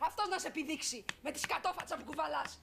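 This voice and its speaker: A woman's voice: sits high, vocal fry, loud music behind the voice. An actress playing a foul-mouthed young woman in a vicious, insulting tirade in a film drama. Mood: venomous tirade. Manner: insulting, venomous, crude.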